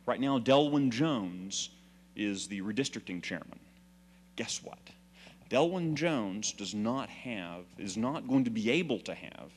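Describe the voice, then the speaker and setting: A low-voiced man rallies a meeting with an energetic, storytelling delivery. His words ring out with a long reverb tail, as if spoken in a hall. He presses his listeners with urgent, exhorting phrasing. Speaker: political activist speaker. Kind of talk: speech to a political group. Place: meeting room.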